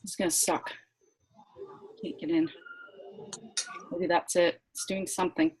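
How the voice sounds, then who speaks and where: A team leader runs a casual live sales training online through a computer mic, speaking at a measured pace in a lowish, gravelly, darkish voice with slight background noise. At first she is flustered, apologizing and swearing under her breath, before turning chatty and encouraging.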